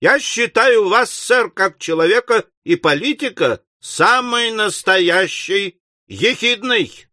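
A man's voice: high voice, expressive, slow, bright, forceful tone, dry recording, studio quality, pitched above the performer's own voice, heavily acted. A man voicing a pompous, indignant male newspaper editor who speaks in formal denunciations, in an audiobook. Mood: denouncing.

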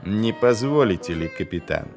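A man voicing a smug male head of assassins who speaks in a slow, drawn-out, haughty way. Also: lowish voice, lively intonation, over music.

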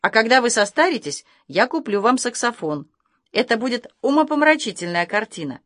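A gushing, sentimental eccentric artist who pleads and enthuses, as a woman reads him aloud. The delivery swings widely in pitch, and the sound is close and dry. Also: sing-song, a little fast, fairly bright tone, no echo. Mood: pleading.

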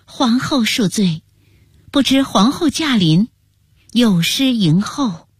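A woman storyteller voicing a calm, composed imperial consort in her thirties who answers in an even, coolly polite way. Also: on the high side, slow, breathy edge, dry recording, studio quality, exaggerated voice.

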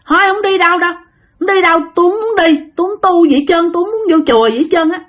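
A woman's voice: sits high, expressive, a little fast, fairly bright tone, voice pushed up. A woman voicing the ghost of a rude young man who talks insolently, with a Southern Vietnamese accent. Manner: insolent, pleading.

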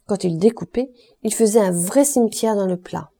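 Audiobook reader, woman, husky gravelly voice, very dark tone. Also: medium pitch, moderate pace. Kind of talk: audiobook narration of a classic novel.

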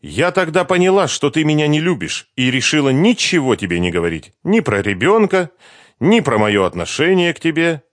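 A man's voice: fairly high pitch, sing-song, normal speed, no room sound, studio quality, voice pushed up. A man voicing a hurt, accusing young woman who confronts her former lover with pressing questions. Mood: bitter.

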